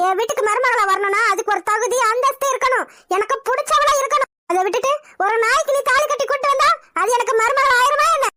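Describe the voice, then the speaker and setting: Very high bright voice, bossy cartoon mom ranting with scorn. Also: female voice, quick pace, few pauses. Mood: haughty. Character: domineering middle-aged mother, proud and scornful. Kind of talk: cartoon voice acting.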